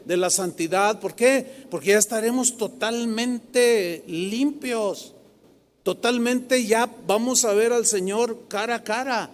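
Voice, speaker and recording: High-voiced Mexican pastor preaching in a hall. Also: male voice. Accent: Mexican Spanish. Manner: animated, asks the crowd questions, confrontational. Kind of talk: sermon. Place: large hall with a live congregation. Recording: long hall reverb.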